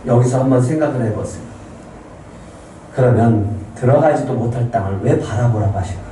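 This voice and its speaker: A man's voice: medium pitch, fairly quick, mellow, slight background noise. A male pastor giving a Sunday sermon in a church and putting many questions to the congregation. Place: church sanctuary. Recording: very echoey church hall, mic at a distance.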